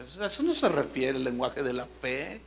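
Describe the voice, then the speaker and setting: A male pastor preaching a sermon with emphatic delivery, slowing down to stress key words. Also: medium pitch, big pitch swings, vocal fry, in a large hall.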